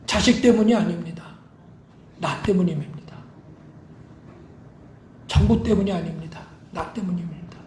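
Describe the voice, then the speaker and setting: Male pastor, high voice, emphatic sermon delivery in a roomy church. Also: a little hiss or hum. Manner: emphatic preaching, acting out quoted lines. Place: church sanctuary.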